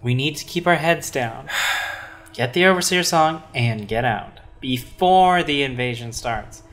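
A man's voice: medium pitch, animated, measured pace, fairly bright tone. A man reading a sarcastic grumpy witch. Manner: dry and sarcastic. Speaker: game dialogue reader. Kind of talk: reading game dialogue aloud. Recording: faint game music behind.

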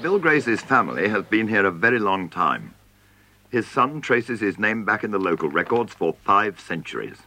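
Deep-voiced man narrating a documentary. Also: sing-song, normal speed, bright, forceful tone, slight background noise.

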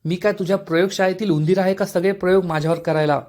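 A man's voice: sits high, steady tone, fast, a little mellow, lightly acted. A man reading the lines of an irritable young husband who snaps and complains. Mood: furious. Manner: snappish, complaining.

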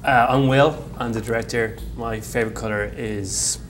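A man who directs the show, joining a studio discussion with eager, fast agreement. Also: medium pitch, fairly even intonation. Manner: eager, quick agreeing interjections. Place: TV studio set.

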